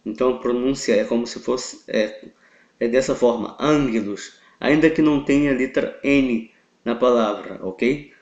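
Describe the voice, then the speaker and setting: A man with a Brazilian Portuguese accent teaching a live online class, patient and checking in with "ok?" after nearly every point, clearing his throat and coughing now and then. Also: medium pitch, moderate pace, a little mellow. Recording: roomy, dull lo-fi sound.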